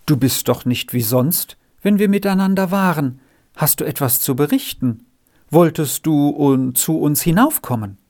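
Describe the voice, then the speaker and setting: A reader voicing a kind, anxious young farm girl in an audiobook, speaking high and pleading. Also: expressive, moderate pace, darkish tone, natural voice. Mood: worried. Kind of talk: audiobook reading.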